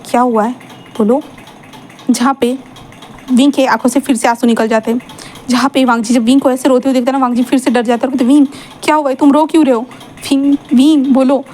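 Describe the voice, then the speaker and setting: A woman's voice: on the high side, a little mellow, slight background noise. A woman telling a fan-fiction story in a casual, chatty way, full of fillers and English words mixed in.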